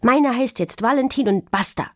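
A woman voicing a bossy, bratty schoolgirl ringleader in a children's audio story, shrill and domineering. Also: moderate pace, a little mellow, dry recording, clean studio sound, natural voice.

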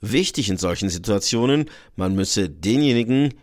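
A man's voice: fairly low pitch, expressive, moderate pace, darkish tone. A man reading scripted narration as a radio reporter.

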